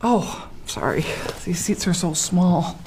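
A woman's voice: on the low side, slow, dark tone, in a whisper. An actress playing a friendly, apologetic woman who stammers and is eager to please. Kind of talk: scripted skit acting.

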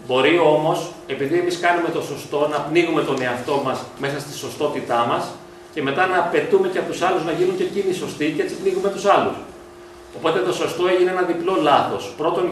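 A man with a slightly high voice gives a reflective lecture to parents and often asks them rhetorical questions. He is recorded from a distance in a school hall with heavy echo. Faint noise sits under his voice. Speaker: psychologist. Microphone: distant from the mic. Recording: echoey hall from far off.

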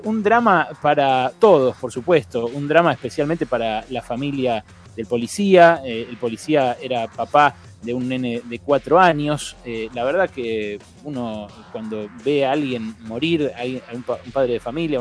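A man with an Argentine Spanish accent talks through an editorial off the cuff, stopping on "eh" and fixing his own slips. His voice sits a bit high for a man. Soft music plays faintly underneath. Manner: unscripted, many "eh" fillers and self-corrections. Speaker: radio host giving an editorial. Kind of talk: spoken editorial commentary.

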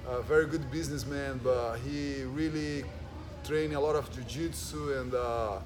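A man's voice: medium pitch, fairly even intonation, a little slow, a crowd in the background. A man from Brazil with a Brazilian Portuguese accent, hosting a casual podcast as a jiu-jitsu gym owner, earnest and full of "and, uh" fillers.

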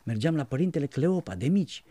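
A man's voice: on the high side, expressive, mellow, dry recording. A man, an Orthodox priest, earnestly telling his life story with rambling restarts.

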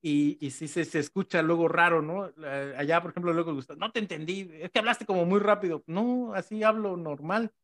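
A middle-aged man speaks with a Mexico City accent in a relaxed conversation. His voice sits fairly high, and he acts out snippets of dialogue with lively energy. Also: a little fast, hardly any pauses. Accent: Mexico City Spanish. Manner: animated, acts out quoted dialogue. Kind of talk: casual conversation.

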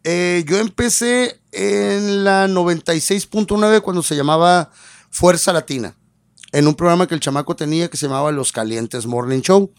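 A man's voice: sits high, moderate pace, clean tone, no echo, clean studio sound. A man with a Mexican accent, a radio personality and voice artist, telling his story in a casual interview and acting out the people he quotes. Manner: lively, acts out quoted dialogue in changed voices.

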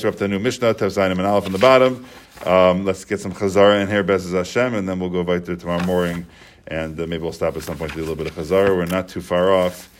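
Man teaching a Talmud class, low voice. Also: a little hiss or hum. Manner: explains step by step, repeats and restates points.

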